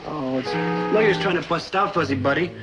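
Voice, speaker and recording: An actor playing a hungry, childish, cowardly young American beatnik in a 1960s sitcom, talking in slang and dramatic exclamations. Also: male voice, on the high side, normal speed, lightly acted. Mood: gloomy dreaming. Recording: old TV soundtrack with music behind.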